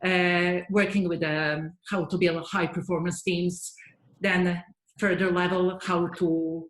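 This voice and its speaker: A woman's voice: on the low side, little pitch movement, slow pace, echoey room. A woman in her forties from Serbia with a Serbian accent, answering interview questions earnestly and thoughtfully, with frequent hesitations. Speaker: guest, head of software development.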